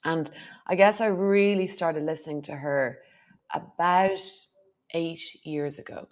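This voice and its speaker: An Irish woman from Ireland speaks in a low-pitched, slightly slow voice as a guest on a podcast. She hosts retreats and teaches yoga, and in this casual, conversational interview she reflects on her life story.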